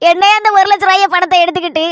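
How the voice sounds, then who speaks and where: A woman's voice: very high-pitched, fairly even intonation, racing, no echo, studio quality. A woman playing a remorseful younger sister who sobs and keeps calling herself a traitor in a homemade family skit. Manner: tearful, self-reproaching, repeating herself. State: crying.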